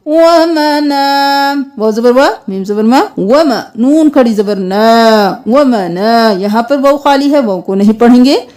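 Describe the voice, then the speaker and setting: A woman teaches Quran recitation. She talks at an unhurried pace, spelling out syllables and chanting the verses slowly with long drawn vowels. Her quicker explanations come in between the chanted parts. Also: a little high, darkish tone.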